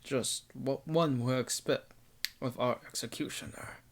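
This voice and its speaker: A man voicing an ancient male vampire with a heavy voice, speaking in a formal, measured, menacing way while reading a visual novel aloud. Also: mid-range voice, fairly even intonation.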